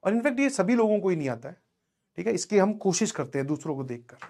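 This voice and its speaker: A man's voice: high-pitched, very animated, quick pace, gravelly, a little mellow. A young adult man, a teacher giving a motivational talk to his students in a conversational way, often checking that they have understood.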